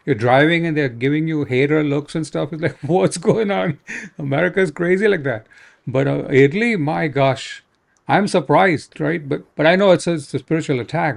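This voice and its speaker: A man's voice: a little high, gravelly. A man ministering in prayer, fervent and exhorting, often tagging his sentences with "right?".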